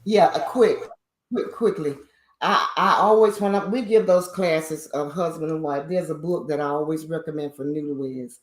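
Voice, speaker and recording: A woman's voice: deep voice, moderate pace. An older woman, a guest on a live stream, talking in a rambling, chuckling way. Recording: roomy echo.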